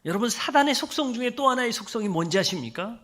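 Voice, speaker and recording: A man's voice: very high voice, animated, fast, fairly bright tone. A male pastor preaching a sermon, emphatic and full of rhetorical questions to the congregation. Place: church.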